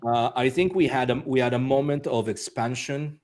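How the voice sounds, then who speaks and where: Halting, soft-spoken male interview guest. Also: mid-range voice, steady tone. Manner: halting, many restarts and fillers, laughs often. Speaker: interview guest, author and musician. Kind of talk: casual interview talk.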